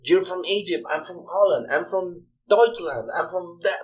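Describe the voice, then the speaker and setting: A man's voice: high voice, normal speed. Mexican man chatting in English. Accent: Mexican Spanish. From Guadalajara, Mexico. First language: Spanish. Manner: rambling, repeats words while searching. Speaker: guest DJ. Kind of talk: casual chat.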